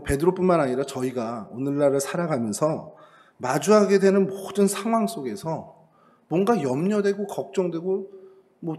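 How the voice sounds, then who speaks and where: A middle-aged pastor delivers a sermon in a conversational storytelling style, acting out quoted lines and bringing scripture and family life close to his listeners. His voice is a little high and a little mellow.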